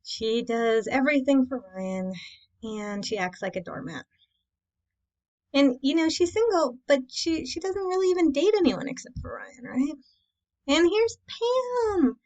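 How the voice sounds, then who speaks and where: High-voiced woman giving chatty coaching talk. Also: animated, moderate pace, a little mellow, dull audio. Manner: chatty and informal, asks rhetorical questions and checks in with "right?". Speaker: dating coach and class host. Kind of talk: casual instructional presentation to camera.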